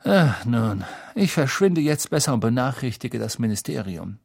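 A man's voice: medium pitch, very animated, moderate pace, gravelly, darkish tone, no echo, clean studio sound. A man reading an audiobook, voicing a flustered, fretful middle-aged male official.

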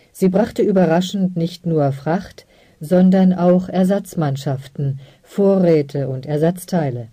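A woman narrating a science fiction audiobook in a calm, measured way. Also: fairly low pitch, no echo. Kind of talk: scripted narration.

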